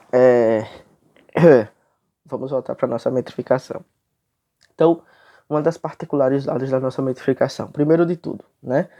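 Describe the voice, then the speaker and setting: Male high school teacher with a Brazilian accent, warm mellow tone, patient explanatory lecture style. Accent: Brazilian Portuguese. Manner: explanatory, checks in with frequent tags. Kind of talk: classroom lecture.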